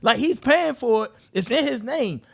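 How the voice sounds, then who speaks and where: A man's voice: extremely high pitch, lively intonation, moderate pace, gravelly, a bit bright, no echo. A man co-hosting a podcast, talking emphatically and over the others in a casual debate. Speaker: podcast co-host.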